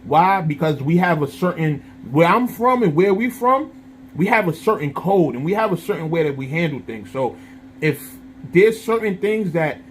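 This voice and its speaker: A man's voice: fairly high pitch, animated, moderate pace, a little hiss or hum. A man in his thirties talking casually to his viewers, checking in constantly with "you understand?" and using street slang. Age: 30s. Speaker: vlogger and channel host. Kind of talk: casual straight-to-camera monologue.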